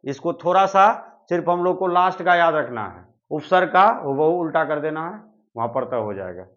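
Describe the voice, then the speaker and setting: A man leads an exam-prep grammar class, his voice pitched a little high. He goes through examples one by one, repeating them for his students. The recording is muffled and lo-fi. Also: lively intonation, normal speed, a bit bright. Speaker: teacher.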